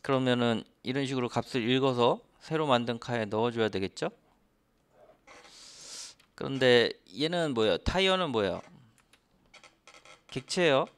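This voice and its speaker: A man teaching programming in a screen-recorded lesson, speaking in a smooth, clear voice at a middle pitch. He explains one step at a time and checks in with rhetorical questions. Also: moderate pace, pauses often. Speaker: programming instructor. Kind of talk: screen-recorded coding lecture.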